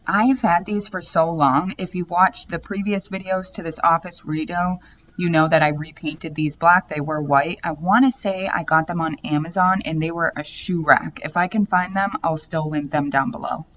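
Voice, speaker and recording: A woman's voice: lowish voice, normal speed, fairly bright tone, muffled recording, slight background noise. A chatty woman talking casually as a vlogger in a home makeover video, indoors in a home office. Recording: roomy echo, background music.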